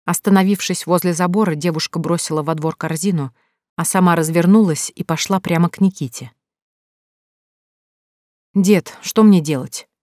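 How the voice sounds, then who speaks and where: A woman narrating a fantasy audiobook in a calm, even storytelling manner. Her voice sits fairly low, recorded dry and close with no room echo. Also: a little fast. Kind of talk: scripted narration.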